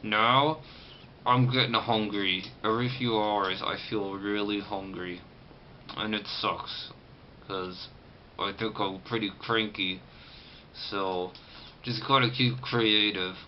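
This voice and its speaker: A man speaking casually in a halting way with tight-jawed articulation from a sore, banded jaw, as if to viewers of a personal vlog. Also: lowish voice, steady tone. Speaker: vlogger. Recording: muffled, lo-fi camera audio with clear background noise.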